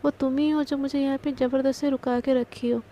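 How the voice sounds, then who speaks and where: A woman voicing Sana, a cheeky young office worker who answers back with quick, teasing comebacks in a told story. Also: sits high, level tone, warm tone, highs cut off. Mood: sassy.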